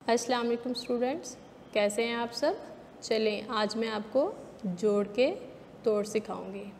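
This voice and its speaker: A woman's voice: fairly high pitch, moderate pace, darkish tone. A woman kindergarten teacher with a Pakistani Urdu accent, patiently sounding out letters syllable by syllable in a spelling lesson for young children. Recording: long reverb, faint background noise.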